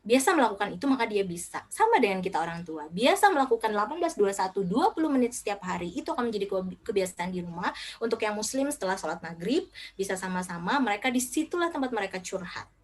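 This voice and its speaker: A middle-aged woman giving a short parenting talk as a speaker, lively, acting out what parents and children say. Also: mid-range voice, quick pace, a little hiss or hum. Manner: lively, acts out quoted child and parent lines.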